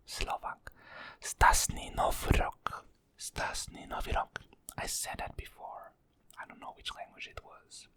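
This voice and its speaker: An ASMR creator from Portugal whispers softly and slowly, repeating each phrase.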